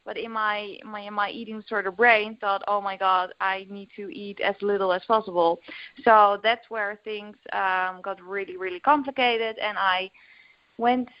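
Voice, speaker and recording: A young Dutch woman speaks with a medium-pitched voice in a steady tone at a moderate pace, recorded dry. As a recovery coach guesting on a podcast interview, she talks openly with many fillers and restarts. The audio is dull and lo-fi.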